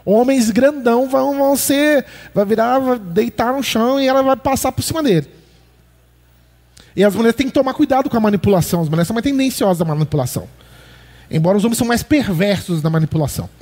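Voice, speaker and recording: High-voiced man preaching in a church hall. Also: quick pace. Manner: animated, acts out wives' lines in mock voices. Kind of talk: sermon.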